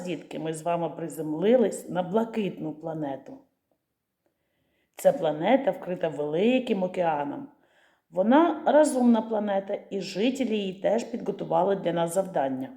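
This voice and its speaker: A woman teacher giving a literacy lesson to young children, pronouncing words slowly and stretching out the syllables. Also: fairly low pitch, warm tone. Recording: echoey room.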